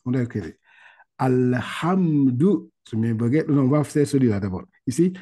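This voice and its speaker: Over video call, a man with a mellow, expressive, medium-pitched voice gives a Quran reading lesson. Arabic words come out slow and drawn out so students can repeat them, and he moves patiently step by step, frequently asking "ok?"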